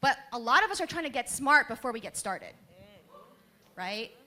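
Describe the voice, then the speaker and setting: Bright, lively woman in her thirties. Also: a little high, moderate pace. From Queens, New York. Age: 30s. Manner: lively, laughing, storytelling. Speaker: panelist, business owner. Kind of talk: panel talk to a live audience.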